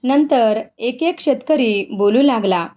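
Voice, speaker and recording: A woman narrating a novel aloud with expressive storytelling, in a dull lo-fi recording. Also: on the high side, slow pace.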